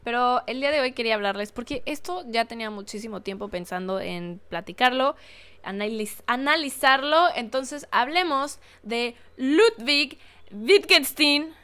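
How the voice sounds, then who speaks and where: A woman's voice: on the high side, expressive, moderate pace, a bit bright, clear, resonant tone. Chatty Mexican woman hosting a podcast. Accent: Mexican Spanish. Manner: chatty, rambling, frank and profane, with frequent filler words and laughs. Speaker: podcast host. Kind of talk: casual solo podcast monologue.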